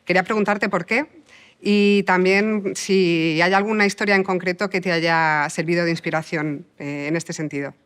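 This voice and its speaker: A woman's voice: on the low side, steady tone, normal speed, clean tone. Polite woman asking a question. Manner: courteous, hesitant with fillers. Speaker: audience member asking a question.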